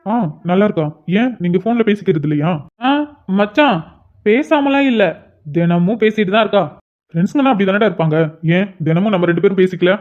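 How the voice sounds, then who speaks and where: A man's voice: high voice, brisk, lightly acted. A man voicing an earnest young man in a cartoon, talking to his friend about his troubled little sister. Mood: friendly. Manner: earnest, pleading, calls his friend "machan". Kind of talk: cartoon voice acting. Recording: dull lo-fi sound.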